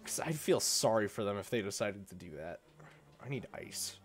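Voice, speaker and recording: A man's voice: fairly low pitch, expressive, normal speed. Sick, groaning male streamer. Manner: groaning, self-mocking complaints. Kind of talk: casual game-stream chat.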